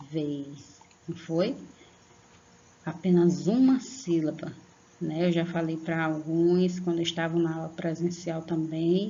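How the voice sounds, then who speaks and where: Gravelly-voiced teacher woman, patiently explaining. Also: on the low side, mellow, lo-fi sound. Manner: patient, slow and drawn-out on example words, frequent "tá?" check-ins. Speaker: primary school teacher. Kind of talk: online lesson for young children.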